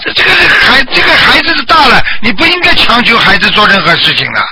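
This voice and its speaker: A man's voice: very high-pitched, wildly swooping pitch, quick pace, low-quality recording. A man acting as a Buddhist master on a call-in show, lecturing callers and repeatedly asking whether they understand. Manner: scolding, lecturing, keeps asking if she understands. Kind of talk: call-in counseling. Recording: loud background noise.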